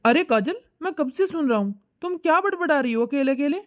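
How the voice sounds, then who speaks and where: A woman voicing an easygoing husband in an animated family story, calming and brushing off his wife's complaints. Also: high-pitched, a little fast, dry recording, pitched below the performer's own voice. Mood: placating. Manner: placating, brushing things off. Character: easygoing husband, calm, dismissive. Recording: tinny phone-like dry voice track.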